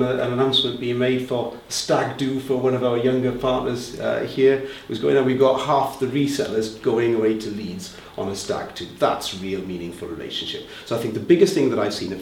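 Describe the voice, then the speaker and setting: This Welsh man, head of a reseller group, answers interview questions conversationally, with fillers and restarts. His voice is medium-pitched and darkish, carrying a little hiss or hum. The mic is distant and the room roomy, with faint ambience.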